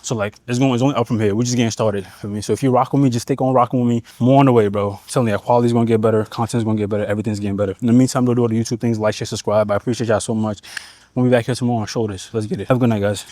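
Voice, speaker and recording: A man's voice: medium pitch, steady tone, rapid-fire, dark tone, dry recording. A man vlogging from the gym, coaching viewers through a back workout in a laid-back, slangy way, a little out of breath. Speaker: fitness vlogger. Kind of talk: casual gym vlog talk to camera.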